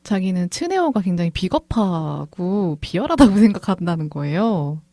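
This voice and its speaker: A woman co-hosting a podcast, calmly retelling a conversation as she discusses a film. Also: lowish voice, moderate pace, dry recording, studio quality. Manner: thoughtful, retells a conversation at length. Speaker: podcast co-host, film director.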